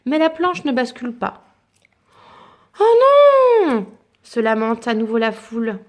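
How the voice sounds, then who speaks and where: A woman with a fairly high voice reads a children's picture book aloud to her child. Her storytelling is lilting and expressive, with dramatic pauses before each turn of the tale. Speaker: parent reading a story aloud.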